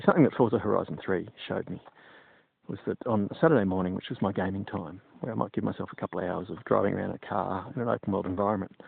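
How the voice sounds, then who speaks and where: A man's voice: lowish voice, gravelly, breathy edge, no echo. A middle-aged man and PC technician giving his opinions on gaming in a digressive, casual monologue. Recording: tinny phone-like sound, dry.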